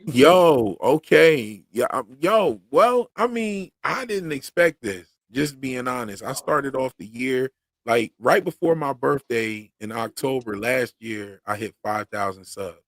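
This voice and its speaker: On his channel's livestream, this YouTube host talks in a medium-pitched voice with lively intonation, going a little slowly over a dry recording. His casual chat is slangy and loosely rhythmic, and he says he once had a heavy stutter.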